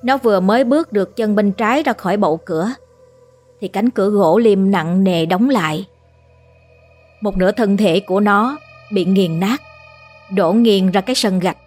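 A woman telling a horror story in a steady, dramatic storytelling manner. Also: medium pitch, moderate pace, pauses often. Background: faint music.

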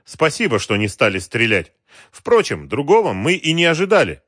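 Guy playing a cool polite commander, crisp and military, dry sound. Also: mid-range voice, very animated, normal speed, fairly bright tone, no echo, voice pushed up. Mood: courteous. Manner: courteous, clipped military. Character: calm, polite male special forces commander.

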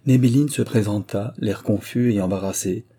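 Male audiobook narrator, low and husky, measured delivery. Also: mellow. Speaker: audiobook reader. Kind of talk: scripted narration.

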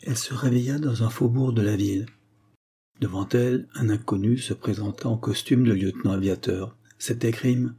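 A man narrating an audiobook spy novel in a steady, dramatic storytelling manner. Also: mid-range voice, moderate pace, breathy edge.

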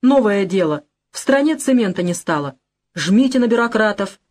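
A woman reading the part of a stern, brusque middle-aged male Soviet official in an audiobook, lecturing in a lively voice. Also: mid-range voice, normal speed, lightly acted. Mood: curt.

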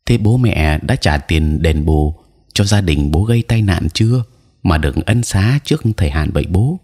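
A man's voice: deep voice, expressive, moderate pace, a little mellow, breathy edge. A man voicing a curious, sulky schoolboy son in an audio story, with a whiny, pleading manner.

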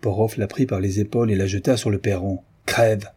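Low, husky male audiobook narrator. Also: fairly even intonation, quick pace, mellow. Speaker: audiobook reader. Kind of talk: scripted narration of a novel.

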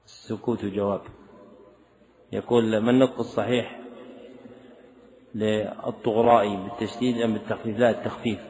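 A lecturing sheikh reads out written questions from students and answers each one quickly and firmly. His voice is low and flat, and he talks fast. The lesson recording sounds dull and lo-fi. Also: slight background noise. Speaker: sheikh teaching a religious text.

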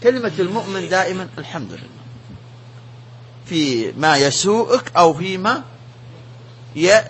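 A man giving a religious lesson as a sheikh, preaching in an emphatic, animated way. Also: sits high, moderate pace, a little hiss or hum.

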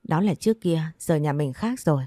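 A woman's voice: sits low, animated, a little fast, mellow, dry recording, clean studio sound. A woman reading the lines of a weary, remorseful older mother in an audio story, with a sorrowful manner. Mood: pleading. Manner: pleading, sorrowful.

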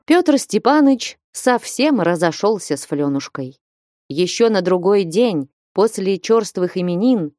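A woman narrating a classic novel as an audiobook, in an even, measured storytelling manner. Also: medium pitch, no room sound, clean studio sound.

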